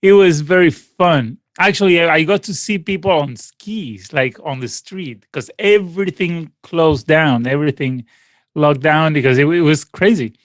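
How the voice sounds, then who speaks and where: Speaking at a normal speed in a fairly high-pitched voice, this man is a Venezuelan guest musician in his late forties whose first language is Spanish. He answers a casual call interview in a rambling way, full of fillers and restarts, and the recording is dry.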